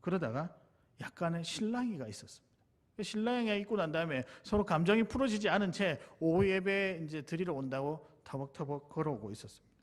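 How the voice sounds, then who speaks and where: A middle-aged male pastor from Busan, preaching a sermon and telling a personal story in an earnest, confessional way that speaks straight to his congregation. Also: a little high. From Busan, South Korea. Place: church sanctuary.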